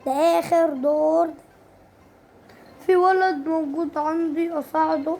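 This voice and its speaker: A woman with an Egyptian Arabic accent giving casual, excitable gameplay commentary, breaking into sudden squealing exclamations. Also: extremely high pitch, measured pace. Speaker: gaming channel host.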